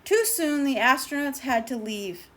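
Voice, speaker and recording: A fairly high-voiced woman reads a picture book for children, her delivery expressive and unhurried as she leans on key words for dramatic effect. Occasionally she stumbles over a word.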